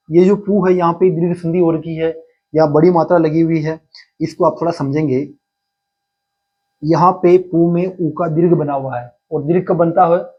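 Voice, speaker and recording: A male teacher explaining a lesson in Hindi, slowly repeating key terms and answering his own questions. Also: a little high, breathy edge, dull audio. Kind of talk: exam-prep lesson.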